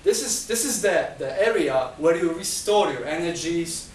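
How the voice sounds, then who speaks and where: At normal speed and with an animated delivery, a man with a voice on the high side speaks as a guest speaker at a discussion group. The indoor, lecture-style talk works through numbered points amid frequent restarts and repeated words, and Chinese isn't his first language. There's a little hiss or hum, an echoey room and a mic set at a distance.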